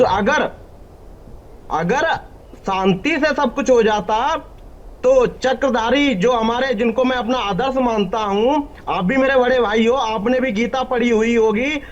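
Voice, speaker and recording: Man, very high voice, urgent debate panelist, dull lo-fi sound. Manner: urgent, talking over others. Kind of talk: heated TV debate. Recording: dull lo-fi audio.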